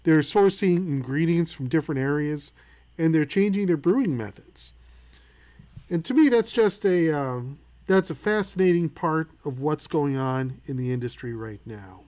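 A middle-aged man with a fairly high voice reads out headlines and then riffs on them in a loose, opinionated way. He stops and restarts often, leans on fillers, and works himself up as he talks. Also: lively intonation, normal speed, a little mellow. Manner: opinionated, gets worked up, many fillers. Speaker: podcast host. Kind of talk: casual news commentary.

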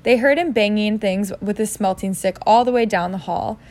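A woman's voice: medium pitch, normal speed, darkish tone. Casual woman reading a novel aloud. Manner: casual, jokes about her own misreadings. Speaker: reader.

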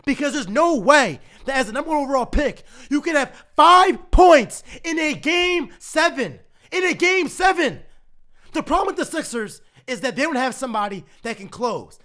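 This sports fan's voice sits at an extremely high pitch, bright and forceful, with lively intonation at a normal pace. Strained from cheering, he rants to camera at his team, heated, exasperated and repetitive.

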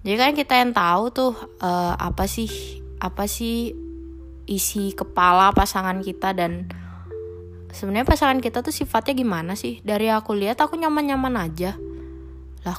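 A woman's voice: medium pitch, moderate pace, long pauses, faint music behind. A young woman hosting her own podcast, talking casually and frankly in slangy speech, with English phrases dropped in. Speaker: podcast host. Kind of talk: casual solo podcast talk.

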